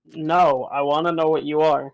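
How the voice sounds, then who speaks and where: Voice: mid-range voice, flat delivery, moderate pace, rough recording. Blunt, stubborn tabletop player. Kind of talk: tabletop game play.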